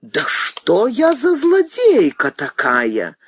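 A woman's voice: on the high side, wildly swooping pitch, slow pace, breathy edge, no room sound, pitched above the performer's own voice, heavily acted. A woman reading an audiobook voices a domineering, easily offended older noblewoman mother who exclaims and demands. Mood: indignant.

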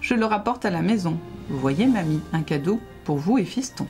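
A woman's voice: lowish voice, animated, a little mellow, soft background music. A woman reading aloud and voicing a sleepy father bear in a storybook. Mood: drowsy. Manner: drowsy, slow.

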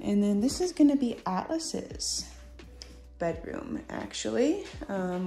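The background is noisy as a young woman, her voice fairly low, shows off her small new house on a handheld phone. Her indoor tour is casual and meandering, full of fillers, with cooing asides to her dog.

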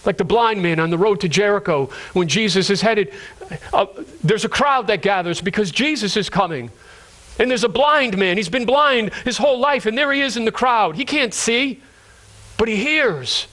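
A man preaching a sermon with passion, swinging from high cries down to low, slow lines and often repeating himself. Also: lively intonation, fairly bright tone. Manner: impassioned, rising to high cries then dropping low and slow; repeats and restarts words while preaching.

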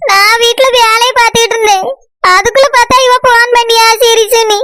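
A woman's voice: very high voice, flat delivery, brisk, sharp tone. A woman voicing Saroja, an anxious village woman with a Tirunelveli Tamil accent, in a cartoon. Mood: worried. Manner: anxious, tearful pleading. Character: worried village woman Saroja fearing for her mother. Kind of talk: cartoon voice acting.

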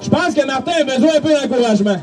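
A man's voice: very high voice, very fast, recorded from a distance, music in the background. A man announcing over the stadium PA at a football game, calling contestants and hyping the crowd.

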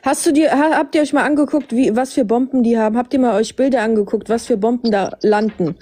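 Female live debater, raised pitch with a mellow tone, pressing her points through insistent questions. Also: fast talker.

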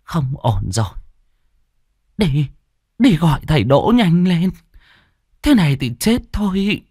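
Brief: worried old village grandmother, hushed and raised pitch, a man doing her. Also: big pitch swings, takes it slowly, breathy edge, no room sound, studio quality, heavily acted.

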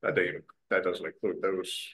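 A man from town staff talking haltingly with many fillers at a council meeting. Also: low-pitched, level tone, a bit bright, a little hiss or hum, rough recording. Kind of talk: public meeting discussion.

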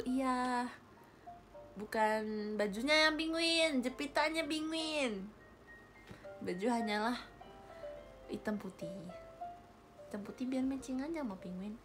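A young Indonesian woman chatting playfully on a livestream, giggling often as she reads comments. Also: fairly high pitch. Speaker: idol live streamer. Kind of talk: casual chat reading viewer comments. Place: indoor room, air-conditioned. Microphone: phone or webcam livestream.

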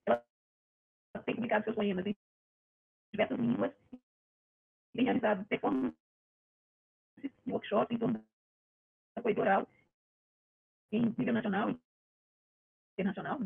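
A woman's voice: on the high side, fairly even intonation, moderate pace, creaky, long pauses, slightly rough. A woman moderating an online talk, her voice breaking up and glitching over a video call as she reads a formal introduction. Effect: glitchy, breaking-up video call audio. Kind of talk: reading a speaker introduction. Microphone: laptop or phone mic on a video call. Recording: dull lo-fi call audio.

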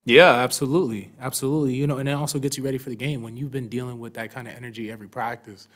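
Very fast and medium in pitch, a young basketball player's voice carries through a desk microphone in a postgame press room. Answering reporters, he stays relaxed and considered, leaning heavily on fillers like "um" and "you know."

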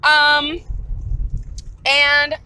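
A woman's voice: high-pitched, monotone, drawn-out words, pushed and bright, a little hiss or hum, low-quality recording. A woman hosting a casual vlog from a car, chatting to viewers while eating with her mouth full. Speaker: vlogger host. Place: inside a car on the road.

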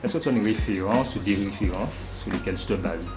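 Low-voiced male interviewer. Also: fast, music in the background. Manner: friendly prompting, tags questions with "hein". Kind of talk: casual interview.

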